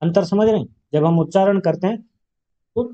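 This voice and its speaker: A man teaching grammar to a class, his voice pitched a little high with a warm, mellow tone. He explains patiently and keeps asking rhetorical questions. The recording sounds dull and lo-fi, like a classroom capture. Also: normal speed. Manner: explains patiently, poses rhetorical questions, stretches vowels to demonstrate.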